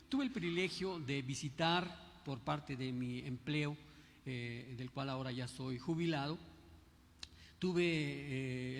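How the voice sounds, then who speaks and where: An older man, a pastor with a Mexico City accent, preaching a sermon in a conversational, unhurried way with frequent hesitations. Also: mid-range voice, a little hiss or hum. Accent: Mexico City Spanish. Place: church. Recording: echoey hall.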